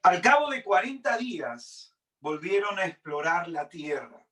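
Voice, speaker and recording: Slow, dramatic male Bible reader. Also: sits high, very animated, recorded from a distance. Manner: deliberate dramatic reading with swings in loudness. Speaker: preacher. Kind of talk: Bible reading in a sermon.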